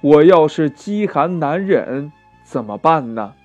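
Gentle monk master, man doing the voice, low, soft, chiding, worried, children's storybook. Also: lively intonation, slow pace, faint music behind.

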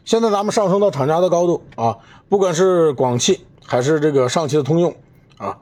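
A man's voice: a little high, a little fast, darkish tone. Indignant man ranting on his podcast. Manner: indignant, emphatic, addresses listener with rhetorical questions. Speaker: podcast host. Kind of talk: solo commentary rant.

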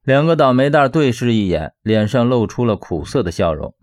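Expressive male audiobook narrator. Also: mid-range voice, normal speed. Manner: expressive storytelling. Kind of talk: scripted narration.

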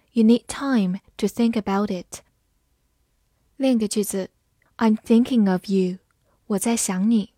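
A woman teaches English vocabulary at an unhurried, deliberate pace. She spells each word letter by letter and reads the example sentences slowly and clearly. Her voice sits in a middle pitch range and sounds close and dry, with no room echo. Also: darkish tone. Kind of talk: scripted vocabulary lesson.

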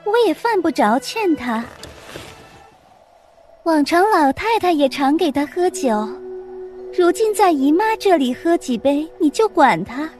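A delicate but sharp-tongued teenage girl, put on by a man in a children's story reading. Her voice is pitched very high and thin, and her words come out teasing and mocking. Soft music plays faintly behind her. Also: sing-song, measured pace, exaggerated voice.

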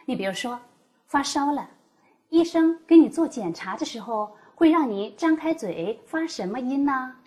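A woman explaining Mandarin tones as a teacher, demonstrating each tone with exaggerated pitch. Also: lively intonation, moderate pace, darkish tone. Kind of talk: scripted teaching dialogue.

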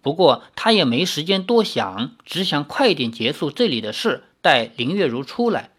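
An expressive reader telling a martial-arts novel with lively, swinging intonation. The narration moves up and down freely in pitch, in a storytelling manner. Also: normal speed, breathy edge. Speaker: audiobook reader.

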